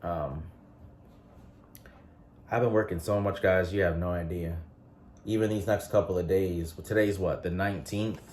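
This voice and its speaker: Deep-voiced man in his late twenties. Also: normal speed, pauses often, a little hiss or hum. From North Carolina. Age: 20s. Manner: relaxed rambling with frequent fillers and restarts. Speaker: vlogger. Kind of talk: casual vlog chat.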